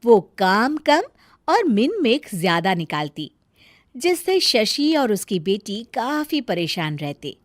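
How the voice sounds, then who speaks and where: A woman narrating a family story in a slow, expressive storytelling manner. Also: medium pitch, dry recording, clean studio sound.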